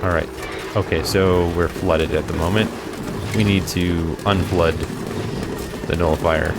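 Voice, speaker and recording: A man giving casual commentary while he plays a video game, thinking out loud and talking to himself as he plays. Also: low voice, fairly even intonation, measured pace, gravelly, over loud music. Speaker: gameplay video host.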